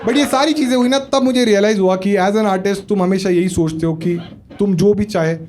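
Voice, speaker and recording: Performing a stand-up set at a comedy club, this man from Maharashtra, India, has a voice that sits high and moves at normal speed over music. He chats through a story and throws questions at the crowd, drawing laughter.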